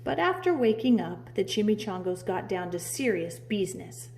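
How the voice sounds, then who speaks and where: A woman's voice: medium pitch, very animated, normal speed, darkish tone, a little hiss or hum. A woman reading a children's storybook aloud like a preschool teacher, dramatically drawing out key words. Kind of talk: expressive children's storybook narration.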